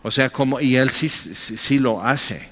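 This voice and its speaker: A man's voice: unhurried, a bit bright. Pastor guy, chatty jokey sermon, long hall echo, kinda muffled sound. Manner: chatty, jokey, acts out quotes in a higher voice. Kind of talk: conversational sermon.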